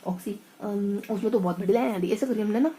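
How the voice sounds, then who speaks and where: A woman revising her notes aloud in a casual study session, thinking out loud and stumbling over half-remembered words. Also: mid-range voice, quick pace, a little hiss or hum, rough recording.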